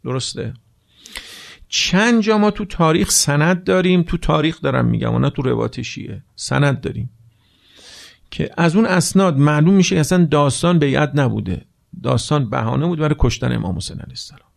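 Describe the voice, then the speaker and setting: A man preaching a religious sermon, retelling a story and explaining it, often putting rhetorical questions to his listeners and dropping to a hushed, slow voice for solemn parts. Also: fairly high pitch, expressive, creaky.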